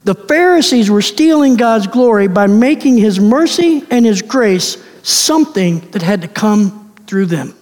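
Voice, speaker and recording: A man preaching a sermon as pastor, emphatic, slowing down to stress key words. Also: sits high, animated, darkish tone. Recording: long reverb of a large hall.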